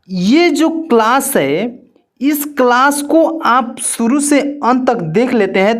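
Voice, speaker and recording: A fairly high-pitched woman walks learners through an alphabet lesson. She speaks very slowly and patiently. She repeats each point and draws out her words, like a teacher at a board. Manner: patient, repetitive, drawn-out teacher delivery. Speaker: online Hindi teacher. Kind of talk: slow step-by-step alphabet lesson.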